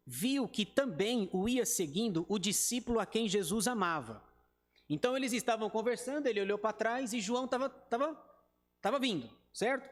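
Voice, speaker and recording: A man's voice: high voice, big-room sound. A male pastor with a Brazilian Portuguese accent teaching a Bible study in a conversational way, talking to the group and acting out quoted lines. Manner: talks to the group directly and acts out quoted speech.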